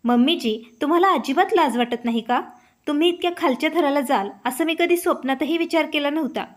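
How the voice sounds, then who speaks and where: A woman voicing a harsh, sharp-tongued young wife who accuses loudly. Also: high voice, fairly quick, natural voice. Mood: taunting. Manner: loud, accusing.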